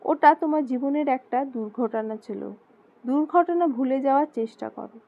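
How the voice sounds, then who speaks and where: A woman voicing a caring young man who speaks soothingly and asks gently insistent questions, in a storybook reading. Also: sits high, moderate pace. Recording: slightly dull lo-fi recording.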